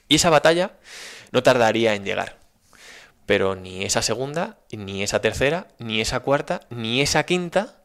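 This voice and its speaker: A man with a Spanish accent telling a story in a casual, animated, folksy way, often checking in with his listener. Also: fairly low pitch. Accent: Spain. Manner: animated, folksy, frequent "¿vale?" check-ins.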